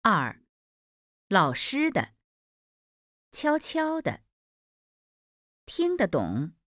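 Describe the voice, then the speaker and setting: A woman's voice: mid-range voice, wildly swooping pitch, extremely slow, a bit bright, no room sound, studio quality. A woman reading demonstration sentences for a pronunciation lesson, enunciating each one carefully in a textbook-recording style. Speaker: Mandarin pronunciation lesson reader. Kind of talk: slow, deliberate textbook recording.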